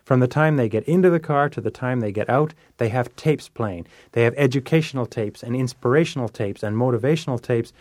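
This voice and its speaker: A man's voice: mid-range voice, brisk, hardly any pauses, a little mellow, dry recording, clean studio sound. A man giving a self-help lecture, coaching listeners in an emphatic, repetitive way. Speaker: motivational speaker.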